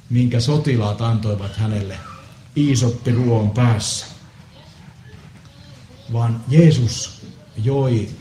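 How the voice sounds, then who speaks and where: A man preaching a solemn Good Friday sermon, measured with pauses and the odd hesitant filler. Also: mid-range voice, dark tone, a little hiss or hum. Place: church. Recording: echoey church with faint ambience.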